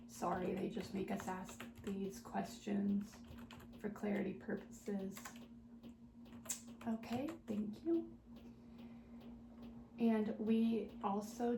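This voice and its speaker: A woman doing a soft-spoken, ASMR role-play as a helpful, patient librarian, talking gently and politely as if serving patrons at the desk. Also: medium pitch. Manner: gentle, polite customer-service talk with small murmured asides. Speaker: ASMR performer playing a librarian at a checkout desk. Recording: roomy echo, clear background noise.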